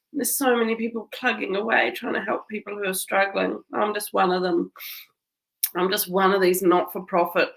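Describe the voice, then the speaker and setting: Earnest New woman with a gravelly edge. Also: medium pitch, fairly bright tone, low-quality recording. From New Zealand. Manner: emotional, earnest, tearful at times. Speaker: community manager. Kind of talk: heartfelt personal address to camera.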